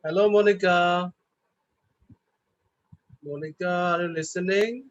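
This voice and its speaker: A man teaching an online class, explaining slowly and patiently over a video call. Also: sits high, steady tone, no room sound. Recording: dull lo-fi online call audio.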